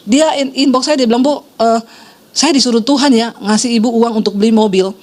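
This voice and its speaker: A middle-aged woman pastor preaching a sermon, telling a story with lively shifts into the voices of the people she quotes. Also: on the high side, fairly quick.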